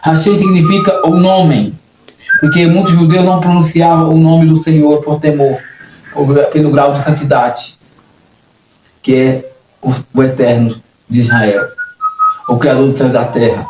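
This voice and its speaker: A man's voice: fairly high pitch, big pitch swings, measured pace. A Brazilian man preaching a sermon in an earnest, repetitive way, often restarting his phrases. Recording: echoey room, distant mic, noisy.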